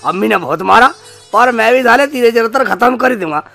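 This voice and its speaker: A woman's voice: medium pitch, sing-song, unhurried, gravelly, bright, forceful tone, exaggerated voice. A woman playing a foolish, hot-tempered young village man who rants and curses to himself, in a comedy sketch with music behind. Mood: grumbling. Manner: ranting, cursing, muttering to himself. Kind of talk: low-budget comedy sketch acting.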